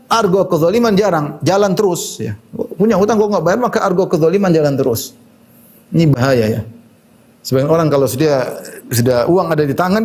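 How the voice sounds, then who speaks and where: A man's voice: sits high, a little mellow. A man giving a religious lecture in a conversational way, often adding "ya" and quoting Arabic sayings. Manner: conversational, frequent "ya" fillers, quotes Arabic hadith. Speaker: Islamic preacher.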